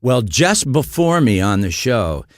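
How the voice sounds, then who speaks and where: In a dry, studio-quality recording, an older Midwestern man appearing as a guest musician spins long conversational stories, frequently starting over. He speaks with a medium, sing-song voice at a measured pace.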